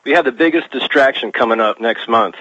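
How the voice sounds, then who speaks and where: A man's voice: medium pitch, brisk, sharp tone, no room sound. A man phoning into a talk radio show, speculating casually and tentatively over a lo-fi call-in line.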